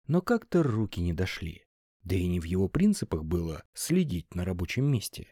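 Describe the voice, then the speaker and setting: A man narrating an audiobook, telling the story in an expressive, storytelling way. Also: low voice, normal speed, husky, dry recording, clean studio sound. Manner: expressive storytelling with lively intonation.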